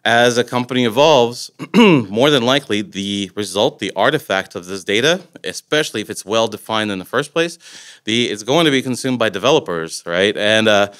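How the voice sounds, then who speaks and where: A man in his forties from Latvia speaks at normal speed in a low-leaning, fairly bright voice with lively intonation. Standing at a podium microphone in an indoor conference room, he gives a casual technical talk that rambles and leans on fillers.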